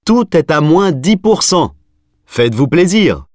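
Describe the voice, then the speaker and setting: A man reads a supermarket promotion at an unhurried, measured pace, every word clearly spaced. His voice is a little high for a man. The recording is dry with no room echo. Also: big pitch swings, darkish tone. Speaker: store announcer. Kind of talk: scripted in-store advertisement.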